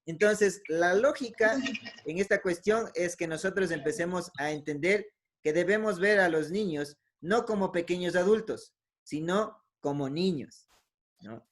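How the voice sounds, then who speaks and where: A man's voice: high-pitched, measured pace. A man giving a conversational teaching talk, with frequent "eh" fillers and self-corrections, often tagging phrases with a questioning "¿no?". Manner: ends many phrases with a questioning "¿no?". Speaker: speaker giving a talk on emotions.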